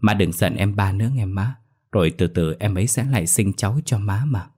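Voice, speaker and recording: A man's voice: on the low side, fairly quick, darkish tone, slightly rough. A man voicing a respectful young son pleading politely with his mother in a ghost story reading. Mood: placating.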